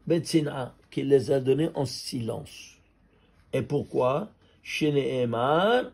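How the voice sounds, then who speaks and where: Leading a lively Torah class, a rabbi speaks at a fairly high pitch. He fires rhetorical questions at his students and laughs with delight over the numerical calculations he's working through.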